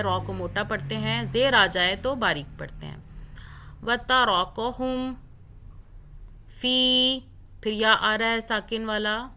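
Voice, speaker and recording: A woman teaching Quran recitation rules step by step, drawing out the recited words slowly. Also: mid-range voice, sharp tone, slight background noise. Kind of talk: tajweed lesson with recited examples.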